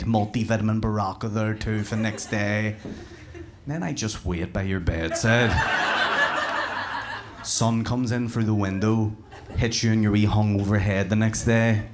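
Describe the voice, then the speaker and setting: A Northern Irish man performing a stand-up comedy set, cheeky and sweary, jumping up loud for punchlines. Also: on the low side, noisy background. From Northern Ireland. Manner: cheeky, swears freely, jumps to shouting punchlines. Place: live comedy venue with an audience.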